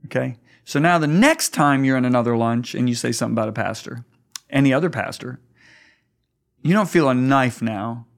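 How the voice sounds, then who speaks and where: A man's voice: medium pitch, a little fast, vocal fry. A man, a guest pastor, talking earnestly in a conversational interview, often stammering and restarting as he tells stories.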